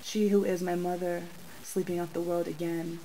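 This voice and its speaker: A young woman from the United States reading her poems at a bookstore into a stand mic, soft and measured, with hesitant spoken asides. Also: fairly low pitch, flat delivery, a little hiss or hum, rough recording. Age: young adult. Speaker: poet. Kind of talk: poetry reading with spoken remarks. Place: small bookstore, indoors. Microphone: stand mic in front of her.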